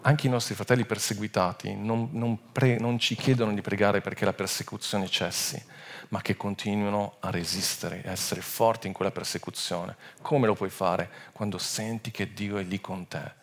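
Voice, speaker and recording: A man preaching a Bible sermon, expressive, rising to loud emphatic peaks and sinking low and quiet, often restarting words mid-phrase. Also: normal speed.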